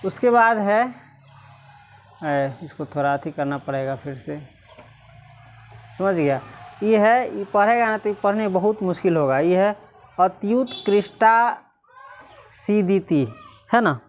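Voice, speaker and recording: A woman teacher, reading Sanskrit slowly syllable by syllable and quizzing the class again and again. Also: medium pitch, expressive, a little hiss or hum. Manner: repeatedly quizzes listeners, slow syllable-by-syllable reading.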